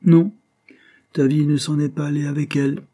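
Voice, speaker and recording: A man reading an audiobook, voicing a calm, loyal young man who lectures his friend. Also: fairly low pitch, normal speed, slightly rough. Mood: earnest. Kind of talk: audiobook character voice.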